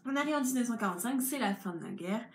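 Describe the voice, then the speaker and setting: A woman's voice: fairly high pitch, animated, fast talker, slight background noise. A young woman giving an informal history lesson, explaining step by step in a chatty way. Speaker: history tutor. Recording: echoey room with faint ambience.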